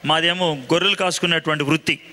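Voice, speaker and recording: A man's voice: fairly high pitch, steady tone, fast, sharp tone. A preacher voicing a bold young shepherd boy. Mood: earnest. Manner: plain storytelling first-person account. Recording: long hall reverb.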